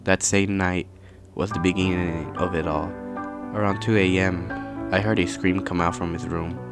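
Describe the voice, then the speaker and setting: A man narrating a scary story in a calm, measured storytelling manner. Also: low-pitched, loud music behind the voice. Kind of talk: scripted horror narration.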